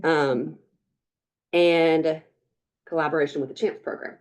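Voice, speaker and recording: Low-voiced chatty woman leading a meeting. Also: fairly even intonation, measured pace. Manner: chatty, upbeat, many fillers and restarts. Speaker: drug council coordinator leading a meeting. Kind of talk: meeting presentation.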